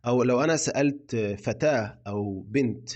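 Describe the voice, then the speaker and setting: A man with an Egyptian accent teaching his dialect, repeating example sentences slowly and clearly for learners. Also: medium pitch, a little mellow. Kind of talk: slow, repetitive language lesson.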